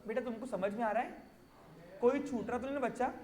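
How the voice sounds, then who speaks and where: A man's voice: very high voice, brisk, a little mellow, roomy sound, slight background noise. A male commerce teacher, lecturing through a story and asking students rhetorical questions.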